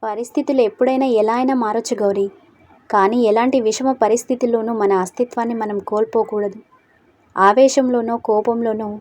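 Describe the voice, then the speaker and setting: A woman voicing a calm principled young man. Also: on the high side, no room sound, lightly acted. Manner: steady, reasoning, gently persuasive. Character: calm, principled young male college student.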